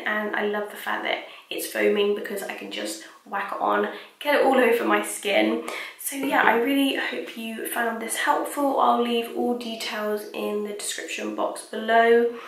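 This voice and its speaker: A woman's voice: fairly high pitch, creaky, a bit bright, far from the mic. A young woman reviewing skincare in loose, chatty vlog talk, full of "like" and "kind of". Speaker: beauty vlogger. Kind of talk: casual skincare review chat. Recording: echoey room, mic set back.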